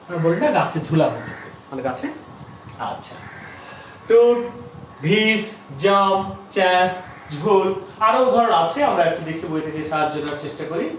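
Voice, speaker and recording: শিক্ষক, উঁচু ও ওঠানামা করা কণ্ঠস্বর. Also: male voice, high voice, expressive. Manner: explains slowly, repeats terms, asks students questions. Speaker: teacher. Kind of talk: grammar lesson for school students. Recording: distant, echoey room with faint noise.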